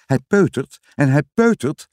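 A man reading a children's story aloud in an expressive, sing-song storytelling manner. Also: a little high, unhurried, no echo, clean studio sound. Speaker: narrator.

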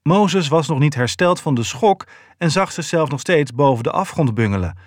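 A man reading a novel aloud in a steady, even storytelling voice. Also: on the high side, moderate pace, dry recording, studio quality. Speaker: audiobook narrator. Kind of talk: scripted narration.

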